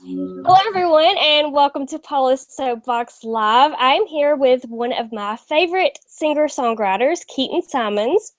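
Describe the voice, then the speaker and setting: A woman with a Southern US accent hosting a casual interview, bubbly and quick to laugh. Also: high voice, animated, no echo. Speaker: host.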